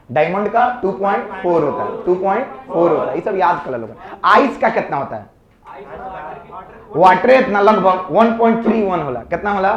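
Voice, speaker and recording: A man teaching physics in a classroom, coaxing students with repeated questions. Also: high-pitched. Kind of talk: classroom lecture. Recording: echoey room, dull lo-fi sound.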